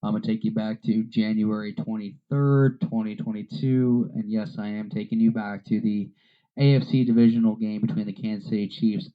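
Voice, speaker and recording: A man hosting a podcast in casual solo talk, earnest and halting, with frequent fillers and self-corrections. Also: on the low side, dull audio. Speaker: podcast host.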